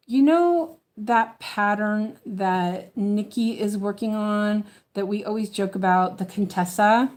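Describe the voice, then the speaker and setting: A woman chats at a slow, unhurried pace in a middle-pitched voice. Her s sounds come out slushy, close to sh, with a noticeable lisp. She rambles casually like a craft streamer, stopping to correct herself and think aloud. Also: a little mellow. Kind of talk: casual rambling chat while stitching.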